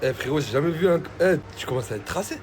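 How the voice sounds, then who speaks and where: A man's voice: on the high side, lively intonation, fast, a little mellow. A young man, bantering casually with friends in street slang. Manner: French suburb street slang.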